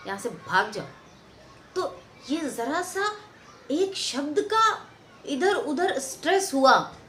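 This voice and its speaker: A theatre and film actress lectures on acting in a high-pitched voice, expressively performing sample lines and repeating phrases for emphasis. The sound is reverberant, with a little hiss or hum.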